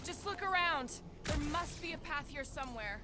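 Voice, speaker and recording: A woman playing a dry, alert, no-nonsense alien fighter in a video game, brisk and pointed. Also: high voice, animated, heavy background noise. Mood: wary, dry. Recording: game audio under loud music.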